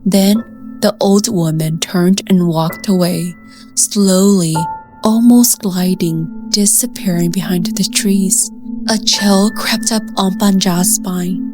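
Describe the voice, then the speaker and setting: Woman narrator, slow and soft-spoken, hushed storybook reading over light music. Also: medium pitch, steady tone. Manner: soft, slow and hushed, slipping into whispers at tense moments. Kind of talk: scripted narration.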